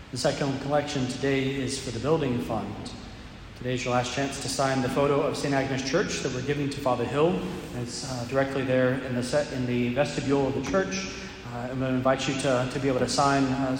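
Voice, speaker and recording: American guy priest talking at mass, average pitch, huge cathedral echo on everything. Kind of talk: liturgical reading, church announcements and sermon. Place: large church interior. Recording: very echoey church, long reverb, faint noise.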